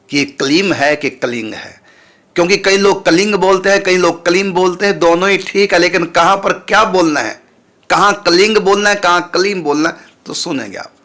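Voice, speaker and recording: A man with a somewhat high, bright voice gives a religious teaching talk. He explains pronunciation patiently, repeating syllables one by one in a measured, instructive way. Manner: patient, repeats sounds slowly for listeners. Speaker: spiritual teacher.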